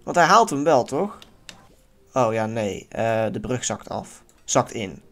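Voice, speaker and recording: A man giving casual let's-play commentary in a lively way, swearing now and then and yelling at near misses. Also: mid-range voice, slow pace. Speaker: gaming YouTuber.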